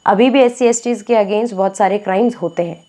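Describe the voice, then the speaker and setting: A woman's voice: mid-range voice, a little fast, dark tone. A young woman teaching a school civics lesson in a conversational way, often checking in with her students and mixing English terms into her explanations. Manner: conversational, mixes English terms into Hindi, frequent "theek hai" check-ins.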